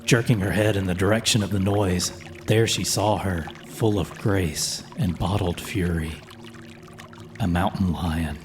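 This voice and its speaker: A man reading a folklore horror story as a slow, measured, solemn scripted narration. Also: deep voice, fairly even intonation, background noise. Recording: music playing under the voice.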